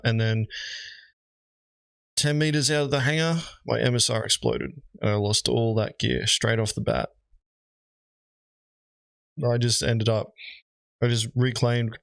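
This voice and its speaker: A man's voice: mid-range voice, a bit bright, no echo. A man giving casual, rambling commentary as he reacts to gaming videos, with lots of fillers. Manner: rambling, frequent "you know" fillers.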